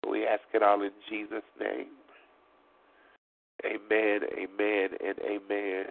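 A prophet and preacher with a lowish, monotone voice and vocal fry speaks slowly at a live church service, sounding congested and stopped up. He prays fervently in rhythmic, repeated phrases, exhorts the congregation, and chats and jokes between songs. The livestream audio is tinny, like a phone.

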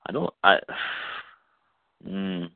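A man co-hosting a casual podcast chat about soap operas, opinionated and quick to laugh. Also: low voice, lively intonation, slight background noise. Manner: chatty, opinionated, laughs often. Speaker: podcast co-host. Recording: tinny phone-like line, dry.

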